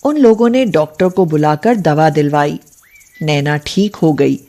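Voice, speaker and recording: Woman, narrator, scripted story narration, steady, plain delivery. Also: deep voice, measured pace.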